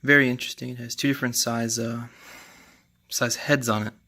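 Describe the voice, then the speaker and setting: A young man casually explaining a motorcycle repair in his garage, relaxed and rambling with lots of fillers. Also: medium pitch, brisk. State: out of breath. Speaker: home mechanic. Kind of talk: casual how-to narration. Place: home garage.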